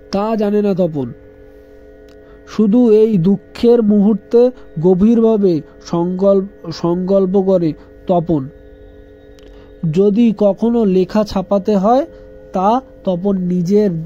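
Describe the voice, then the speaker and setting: A man's voice: high-pitched, takes it slowly, long pauses, mellow, dull audio, soft background music. A man tutoring students, reading a story aloud and then repeating and explaining each line. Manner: reads a passage, then repeats and explains it, telling students to underline. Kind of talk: explaining a literature lesson to students.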